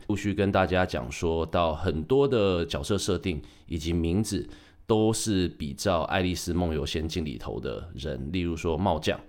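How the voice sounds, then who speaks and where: Deep-voiced man hosting a chatty podcast. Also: darkish tone. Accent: Taiwanese Mandarin. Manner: chatty, joking asides, self-corrections. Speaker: podcast host. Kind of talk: casual solo podcast talk.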